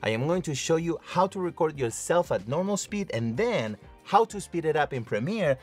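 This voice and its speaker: A man giving a video editing tutorial, his speech sped up and pitched into a squeaky chipmunk voice. He speaks in an upbeat, direct way, with faint music underneath. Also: lively intonation, moderate pace. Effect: sped-up, pitch-raised chipmunk voice. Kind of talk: tutorial explanation.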